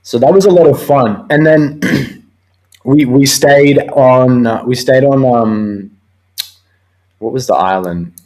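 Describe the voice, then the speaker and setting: A man's voice: mid-range voice, takes it slowly, pauses often, a little mellow, poor audio. A young man hosting a live talk show, chatting casually and laughing often. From Australia. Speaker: host. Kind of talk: casual chat.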